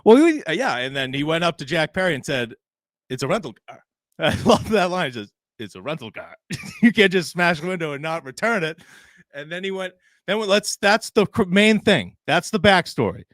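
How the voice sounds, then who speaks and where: A man's voice: high voice, very animated, moderate pace, a bit bright, no echo, clean studio sound. A man co-hosting a casual wrestling podcast, retelling a story and laughing often. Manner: recounts stories, laughing often. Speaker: podcast co-host.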